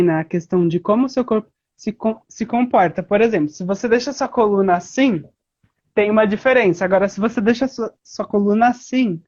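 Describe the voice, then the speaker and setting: Brief: female guest, mid-pitched, relaxed and explanatory, slightly dull lo-fi audio. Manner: relaxed, explanatory, many "né" fillers, laughs easily. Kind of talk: casual interview chat.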